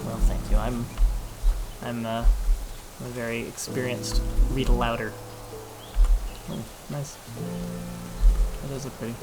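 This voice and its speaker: A man in casual gameplay chat, giving quick, rambling explanations as a co-host. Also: medium pitch, flat delivery, rough recording. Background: game music.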